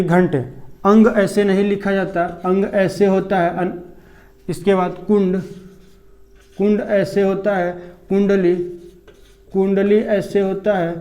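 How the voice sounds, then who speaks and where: Male grammar tutor for an exam-prep lesson, high voice with a flat, even delivery, repeats drills patiently. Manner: repeats words slowly, asks and answers his own questions. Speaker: Hindi grammar teacher.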